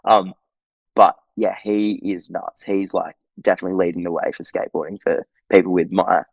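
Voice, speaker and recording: Laid-back Australian man, low voice. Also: fairly even intonation, normal speed, creaky, breathy edge, no room sound, muffled recording. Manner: laid-back, lots of filler "like" and "um". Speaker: podcast guest. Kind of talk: casual interview chat.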